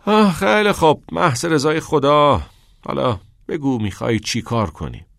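A man voicing a brash, pushy teenage schoolboy in a novel read aloud, loud and exasperated. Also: mid-range voice, sing-song, no echo, studio quality, pitched above the performer's own voice.

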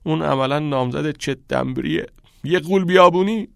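A man's voice: a little high, vocal fry, no echo, pitched above the performer's own voice. Man doing teenage schoolboy, lovesick, wailing, raised voice, dry close sound. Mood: anguished. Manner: wailing, overwrought.

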